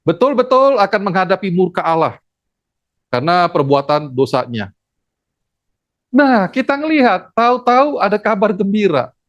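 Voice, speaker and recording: Animated lecturer addressing a class. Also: mid-range voice, normal speed, no echo, dull audio. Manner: animated, acts out stories, asks the class questions. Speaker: theology lecturer.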